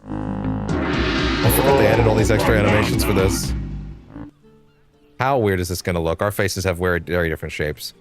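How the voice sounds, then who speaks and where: Casting: male streamer, deep-pitched, informal and unscripted, game music underneath. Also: expressive, moderate pace, long pauses. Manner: informal, sweary, thinking aloud. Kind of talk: casual live gameplay commentary.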